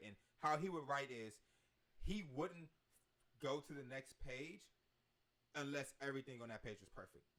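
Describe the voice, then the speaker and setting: A man's voice: mid-range voice, a bit bright. A man hosting a casual podcast chat, talking in a rambling way with many restarts. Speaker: podcast host.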